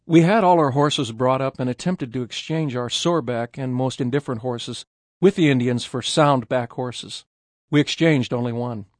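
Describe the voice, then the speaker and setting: An army captain of the early 1800s reads out his expedition journal, acted by a man for a radio documentary. The voice is middle-pitched and scripted, in a very dry recording. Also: normal speed, dry recording, close to an everyday voice. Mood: measured.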